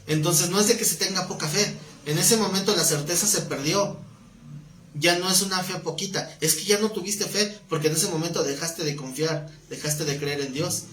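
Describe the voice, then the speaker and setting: A man's voice: high voice, moderate pace, fairly bright tone. A man teaching a live-streamed Bible class in a conversational way, often asking his listeners questions. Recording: roomy sound with faint background noise.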